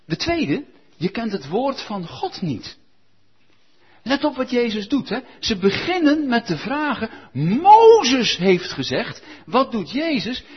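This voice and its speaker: A man preaching a sermon in a lively, conversational, coaxing way, in a dull lo-fi recording. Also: high voice, husky.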